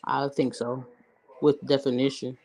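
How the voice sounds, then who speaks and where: A man's voice: mid-range voice, level tone, measured pace, darkish tone. A man in casual group chat who speaks tentatively and checks what he has understood. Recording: noisy mic with clicks.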